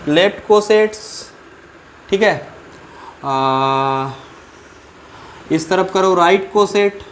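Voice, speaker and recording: A man's voice: high voice, extremely slow, slight background noise. A man lecturing on maths to students, repeating steps, putting questions to them and thinking aloud with fillers. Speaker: maths teacher. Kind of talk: whiteboard lecture.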